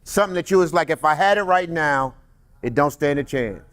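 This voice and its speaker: Higher-voiced man preaching casually to a congregation. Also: lively intonation, a bit bright. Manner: conversational, joking with the congregation, reads scripture slowly. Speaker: teacher. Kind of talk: casual sermon.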